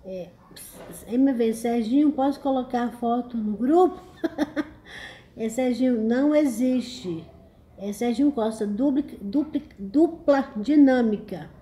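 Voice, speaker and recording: A woman's voice: fairly high pitch, slow pace, dark tone. A woman with a Brazilian accent hosting a casual livestream, greeting viewers and teasing them in a chatty, exclamatory way. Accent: Brazilian Portuguese. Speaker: livestream host. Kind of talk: casual live chat, reading comments.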